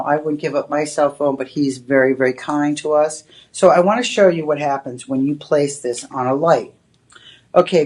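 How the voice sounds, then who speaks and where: A woman with a deep, darkish voice and a Boston accent hosts on a shopping channel. She gives a live sales pitch in the TV studio, chatting loosely and rambling with plenty of "you know"s.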